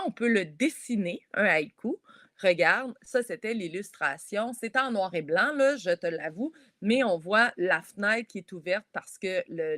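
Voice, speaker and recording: A woman with a Québécois French accent, a children's author, leading a poetry workshop for schoolchildren over a video call, explaining step by step in a lively, encouraging way. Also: fairly low pitch, no echo, studio quality. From Quebec. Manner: lively, encouraging, explains step by step while talking straight to kids.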